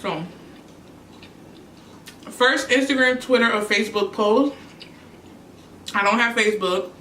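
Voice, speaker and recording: Recorded from afar in a room with echo, this young adult New Yorker talks casually during her eating show, fielding questions as she eats. She's a YouTuber whose voice runs slightly high, slow and sharp, over light background noise.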